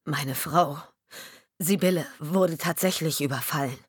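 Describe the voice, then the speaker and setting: A woman's voice: deep voice, measured pace, husky, no echo, clean studio sound, heavily acted. A woman reading an audiobook, voicing a bewildered, hostile husband who questions coldly. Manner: cold, suspicious questioning.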